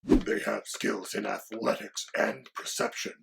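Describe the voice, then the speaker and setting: Quill, a man voicing a gravelly dragon. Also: fairly low pitch, huge pitch swings, measured pace, noisy background, heavily acted. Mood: lecturing. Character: gravelly know-it-all male dragon sidekick, mock menacing. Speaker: co-host. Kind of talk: comedic monster explainer.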